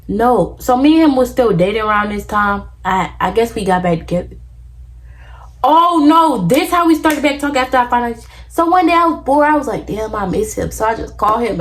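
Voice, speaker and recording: A young woman vlogger telling a casual storytime, acting out quotes and trailing off with filler sounds. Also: on the high side. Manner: animated, acts out quotes, many "da da da" fillers.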